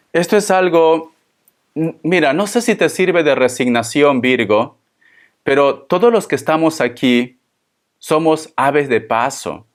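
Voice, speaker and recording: Slow, consoling male tarot reader. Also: fairly high pitch. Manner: slow, repetitive, consoling, addresses the listener tenderly. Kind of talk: spoken tarot reading to viewers.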